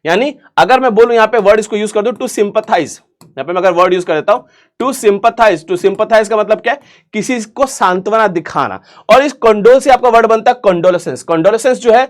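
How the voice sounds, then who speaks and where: A man's voice: sits high, moderate pace. A man teaching vocabulary for an exam in a chatty, joking way, asking questions and answering them himself, with English words in an Indian accent. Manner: chatty, jokey, asks and answers his own questions. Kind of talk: online exam-prep vocabulary lesson.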